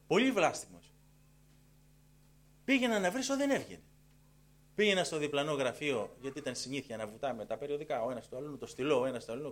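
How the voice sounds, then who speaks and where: Middle-aged man telling his testimony. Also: a little high. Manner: lively storytelling, repeats phrases for emphasis; acts out dialogue in changing tones. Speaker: church member giving a testimony. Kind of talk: personal conversion testimony.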